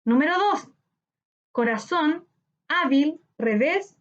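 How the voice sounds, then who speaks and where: A woman teacher with a Chilean Spanish accent, slowly explaining a grammar lesson to children and stretching words out syllable by syllable. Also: sits high, animated. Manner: slow, clear, syllable-by-syllable teaching delivery. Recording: slightly dull lo-fi audio.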